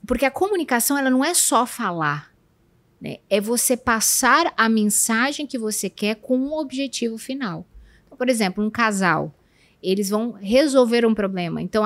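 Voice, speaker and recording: A woman's voice: fairly high pitch, no echo. A Brazilian woman in her thirties, a guest on a podcast, who explains her points emphatically and lists them one by one. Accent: Brazilian Portuguese. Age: 30s. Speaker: podcast guest, communication professional. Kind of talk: casual podcast conversation.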